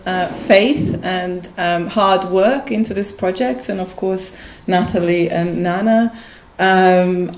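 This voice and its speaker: Her voice is lowish with a darkish tone as this Bosnian artist talks on a panel in a gallery room. She's hesitant, plain, and personal, full of ums, and the recording has the roomy sound of the gallery plus faint noise.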